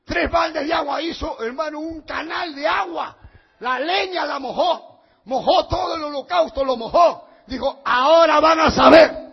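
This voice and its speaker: A man preaching a fiery sermon as pastor, shouting his points with emphatic force. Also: extremely high pitch, unhurried, vocal fry, lo-fi sound.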